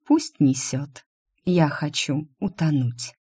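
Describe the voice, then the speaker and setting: A woman narrating a first-person audiobook in a soft, intimate, expressive reading voice. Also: low-pitched, takes it slowly, breathy edge.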